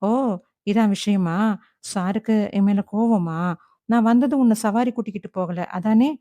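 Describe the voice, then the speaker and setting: A woman's voice: medium pitch, unhurried, dark tone, no echo, highs cut off, lightly acted. A woman voicing a confident, doting young husband in an audiobook reading. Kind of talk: audiobook character voice.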